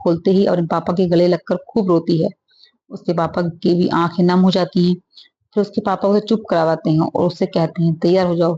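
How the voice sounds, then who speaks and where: A woman storyteller reading a moral story aloud in a steady, even way. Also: fairly low pitch, highs cut off.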